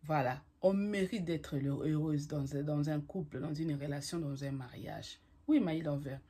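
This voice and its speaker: Husky woman giving emphatic pep talk. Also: deep voice, normal speed, warm tone. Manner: emphatic, repetitive, addresses listener as "my lover"; mixes French with English phrases. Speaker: vlogger giving relationship advice. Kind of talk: motivational talk to camera.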